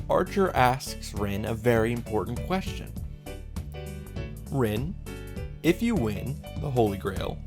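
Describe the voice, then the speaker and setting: A man who hosts visual novel reaction and summary videos narrates a scripted story recap in a slightly high, gravelly voice. He keeps breaking off into sarcastic, exasperated reactions and swearing.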